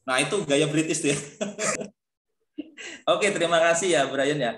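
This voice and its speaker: Speaking a little slowly in a fairly high voice, a man teaches English pronunciation online, naming students and cheering them on. The video-call audio sounds roomy, with background noise.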